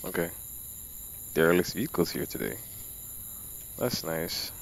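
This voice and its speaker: A man's voice: sits low, animated, measured pace, gravelly, background noise. A young man giving slangy, reactive commentary while playing a horror game, calling everyone bro. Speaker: gamer. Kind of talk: live gameplay commentary.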